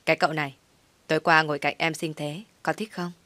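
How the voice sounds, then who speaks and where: A woman's voice: low-pitched, level tone, quick pace, bright, forceful tone, no room sound. Woman doing a teasing male office boss.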